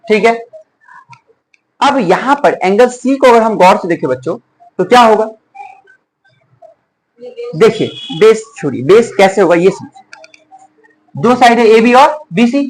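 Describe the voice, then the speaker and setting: Heard on a low-quality recording with a bit of hiss or hum, a medium-pitched teacher runs a math lesson by firing the same questions at pupils again and again. Each answer gets echoed back, and the children are addressed as children and dear.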